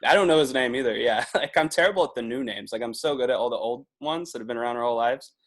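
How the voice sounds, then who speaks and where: A man's voice: mid-range voice, quick pace. Chatty man in his twenties. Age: 20s. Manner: chatty, laughs often, leans on filler "like". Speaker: podcast guest, video producer. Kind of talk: casual podcast chat.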